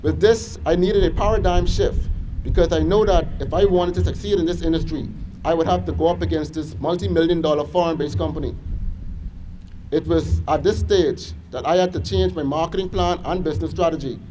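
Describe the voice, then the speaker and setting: A young man with a Bahamian accent giving an earnest motivational speech to students at a school assembly, measured and list-like with small restarts. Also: on the high side, fairly even intonation, background noise. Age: young adult.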